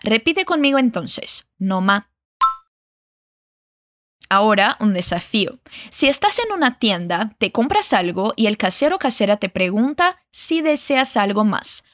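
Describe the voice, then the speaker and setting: A woman teaching a lesson, modeling phrases slowly and carefully for learners to repeat. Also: a little high, big pitch swings, a bit bright, dry recording, studio quality. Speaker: Spanish teacher. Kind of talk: language lesson narration.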